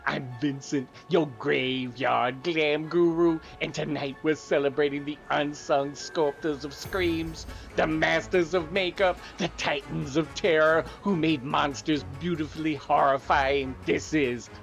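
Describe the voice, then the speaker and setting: A man's voice: a little high, steady tone, measured pace, vocal fry, few pauses, faint music behind. A man playing a theatrical, gleefully macabre horror show host, relishing punning, alliterative scripted narration. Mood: campy, ghoulish relish.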